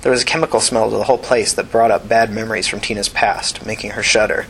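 A man narrating an audiobook in a steady, even reading voice. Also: on the low side, fast, husky, low-quality recording.

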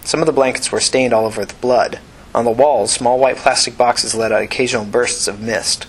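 A man narrating an audiobook in a steady, even reading voice. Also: medium pitch, a little fast, husky, poor audio.

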